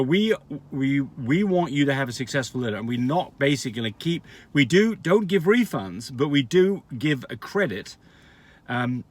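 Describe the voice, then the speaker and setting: Frank, rambling man answering questions. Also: medium pitch. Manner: frank, rambling explanations with restarts and fillers. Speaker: dog breeder answering viewer questions. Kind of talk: casual advice Q&A.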